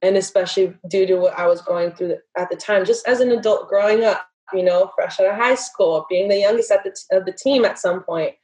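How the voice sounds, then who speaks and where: A woman's voice: mid-range voice, a little fast, few pauses, a little mellow, low-quality recording. A woman in her twenties, a dancer and podcast guest, talking casually over a laptop video call and filling her speech with "like" and "you know". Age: 20s. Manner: chatty, many fillers like "like" and "you know". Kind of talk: casual interview conversation. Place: bedroom at home. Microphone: laptop webcam on a video call.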